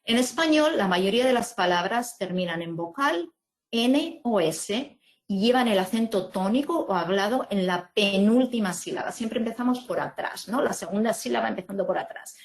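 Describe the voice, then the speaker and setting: A woman from presenting an online teaching webinar, explaining slowly with many fillers and tag questions. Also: medium pitch, lively intonation. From Spain.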